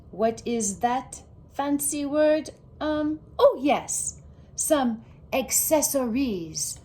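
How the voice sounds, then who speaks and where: A woman voicing an excitable little girl who adores fancy things, with a dramatic, grandly precious delivery in a storybook. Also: high-pitched. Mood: delighted.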